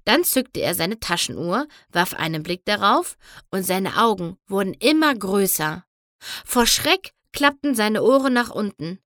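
A woman reading a children's storybook aloud in an expressive, lively way. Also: medium pitch, a little slow, dry recording, studio quality. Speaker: audiobook reader. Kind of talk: storybook narration.

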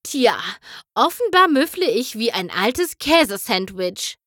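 Discord, a mischievous male chaos creature put on by a woman reading a storybook, sounds smug and gleeful as he teases and plays innocent. His voice swings up and down with a lively lilt, and he takes his time over every word. The sound is close and dry. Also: a little high, slow, dry recording, heavily acted. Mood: smug teasing.

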